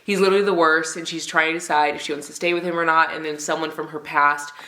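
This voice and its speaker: Fast-talking and fairly even in intonation, a woman with a low, sharp voice eagerly discusses books she's read in a casual vlog review. Her nose is stuffy and congested, and the room gives an echo.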